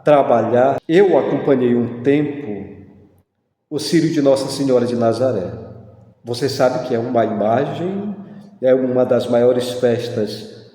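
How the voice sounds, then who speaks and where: A man lecturing on mythology and religion, explaining deliberately and posing rhetorical questions. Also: medium pitch, dark tone. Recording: echoey hall with long reverb.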